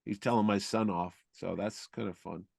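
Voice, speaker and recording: A man's voice: lowish voice, steady tone, moderate pace, vocal fry, darkish tone, dry recording, clean studio sound. A middle-aged man co-hosting a casual film-review chat, rambling and opinionated. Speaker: podcast co-host.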